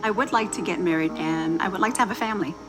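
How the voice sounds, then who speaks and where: A woman in her forties, speaking in a measured, matter-of-fact way in a reality TV confessional. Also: on the low side, rough recording. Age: 40s. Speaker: reality show participant. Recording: reality TV audio with music bed.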